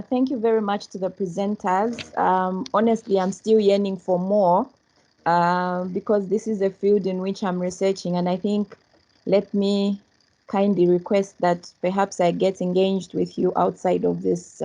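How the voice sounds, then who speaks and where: A woman from Zambia, an audience member, politely asking a long, measured question in a seminar over a video call. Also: mid-range voice, flat delivery, gravelly, warm tone, low-quality recording. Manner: polite, measured, elaborating at length.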